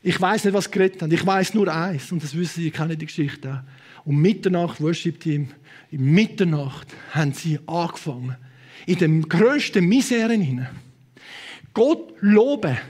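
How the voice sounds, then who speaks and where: High-voiced Swiss German preacher. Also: male voice, animated, moderate pace, husky. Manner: impassioned, swings between loud proclamation and quiet asides; sprinkles English words into speech. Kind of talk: sermon. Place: church hall with a congregation.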